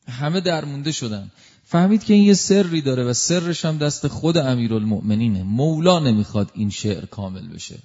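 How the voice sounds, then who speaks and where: A man preaching a devotional sermon through a story, emotive, swinging from loud exclamations to hushed asides. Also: on the high side, dull audio.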